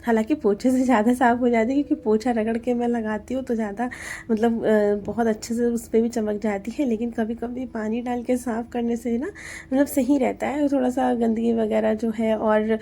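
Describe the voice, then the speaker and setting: A woman in her thirties with a Hindi accent narrates her household routine as a casual voice-over. Her voice sits a little high but sounds soft and mellow. She chats along easily and explains each step with plenty of fillers. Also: fairly even intonation, normal speed, gravelly. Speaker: homemaker vlogger.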